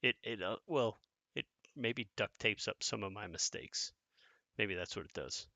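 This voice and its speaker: A man's voice: lowish voice, a little slow, gravelly, pushed and bright, no room sound. A man giving casual live commentary on a strategy game, thinking aloud as he plays and chatting back to his viewers. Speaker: gaming content creator.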